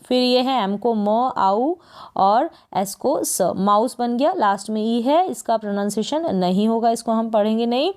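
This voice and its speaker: A woman with a Hindi accent teaching English phonics, spelling each word letter by letter and repeating it. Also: on the high side. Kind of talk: slow phonics lesson.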